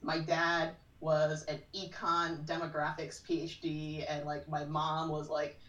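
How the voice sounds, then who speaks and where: A woman's voice: low-pitched, completely flat delivery, unhurried, fairly bright tone, lo-fi sound. A woman in her forties, a podcast guest, chatting casually and telling stories with a lot of "like". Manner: chatty storyteller, frequent "like". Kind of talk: casual chat. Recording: roomy, distant from mic.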